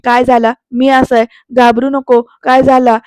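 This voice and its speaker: A woman voicing an older village woman who shouts in alarm and orders people about, in a serial recap. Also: high-pitched, flat delivery, moderate pace, smooth, no echo, clean studio sound, close to an everyday voice. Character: anxious older village woman, loud and bossy.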